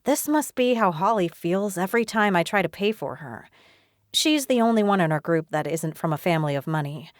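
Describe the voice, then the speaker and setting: A woman narrating a romance audiobook in the first person in a steady, even reading voice. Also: lowish voice, a little fast, no echo, studio quality.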